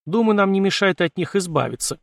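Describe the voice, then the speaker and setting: A man's voice: high-pitched, animated, fairly quick, vocal fry, no echo, pitched above the performer's own voice. A man voicing a wry, sarcastic male ship artificial intelligence in an audiobook, with a dry, mocking, matter-of-fact delivery.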